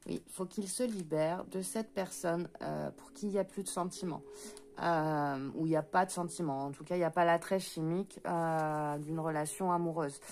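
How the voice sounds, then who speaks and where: A woman with a French accent doing a spoken card reading for viewers. She talks fast, trips over her words and fills pauses with hesitant sounds. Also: sits low, steady tone, a little mellow, faint music behind. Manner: talks fast and stumbles, many hesitant fillers. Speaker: intuitive card reader.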